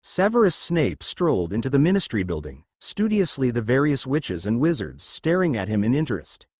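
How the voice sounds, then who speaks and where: A man narrating a story aloud in an expressive reading voice, with his pitch rising and falling a great deal. His voice sits in a middle register. The recording is dry and close, with no room sound. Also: moderate pace, husky, dry recording.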